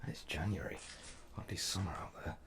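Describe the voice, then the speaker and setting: A man with a low-pitched, animated voice, speaking a little fast, plays a curious, self-questioning time traveller in an audio drama, musing wryly and hesitantly with a wary edge. The monologue and dialogue have music under the voice and background noise.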